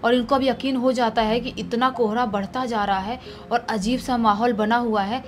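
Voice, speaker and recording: A woman retelling a spooky story in a conversational, animated way, as narrator of a horror story channel. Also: fairly high pitch, moderate pace, soft background music. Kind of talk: casual spoken horror storytelling.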